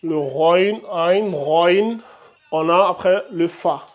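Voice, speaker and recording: A man with a fairly high voice teaches Arabic pronunciation for Quran reading. He talks slowly and stretches each letter sound out so learners can copy it. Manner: slow, drawn-out demonstration of letter sounds.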